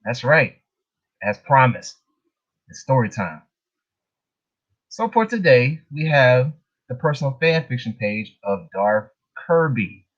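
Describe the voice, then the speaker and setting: Very animated yet slow, with frequent pauses, a man with a mid-range voice chats informally on his livestream, chuckling between remarks. The audio is dull, muffled lo-fi.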